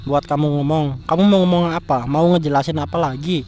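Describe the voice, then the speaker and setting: A man's natural, slightly high voice, brisk and darkish with fairly even intonation, carries an angry performance. He plays a jilted young fiancé in a scripted street drama, furiously scolding and cursing the fiancée who cheated on him.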